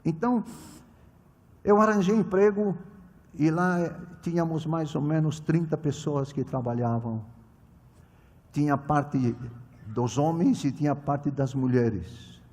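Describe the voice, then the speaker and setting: His voice a little high, a preacher at a children's ministry conference gives an emphatic sermon in Portuguese, which is not his first language. Loud exclamations alternate with quiet asides, and he halts often, restarting, repeating and correcting words mid-phrase, all in echoey hall reverb.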